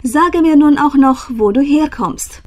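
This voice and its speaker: A kindly, commanding winter spirit from an old storybook, as a woman reading aloud puts her on. She questions with friendly persistence, her voice lifted high and bright. It sounds gently theatrical. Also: measured pace.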